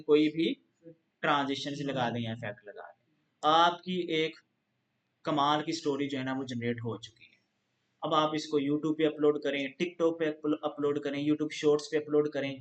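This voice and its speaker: A man teaching a screen-recorded software tutorial, explaining patiently step by step and leaning on a repeated filler phrase. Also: a little high. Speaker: instructor.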